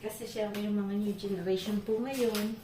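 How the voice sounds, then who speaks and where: A woman's voice: medium pitch, steady tone, normal speed, background noise. A woman from the Philippines chatting casually while she cooks for her vlog, often laughing as she tells stories. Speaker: vlogger. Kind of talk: casual cooking vlog chat. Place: home kitchen. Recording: echoey kitchen with loud clatter.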